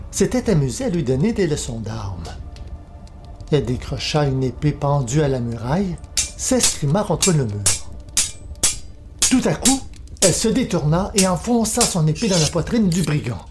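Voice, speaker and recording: A man calmly reading a folk tale aloud as a storybook narrator. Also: fairly high pitch. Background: soft music.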